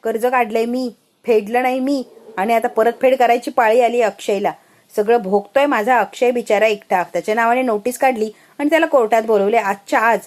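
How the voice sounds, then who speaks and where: A woman's voice: on the high side, fairly even intonation, a little fast, close to an everyday voice. A woman doing a scheming father feigning panic. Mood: lamenting. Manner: loud wailing cries to God.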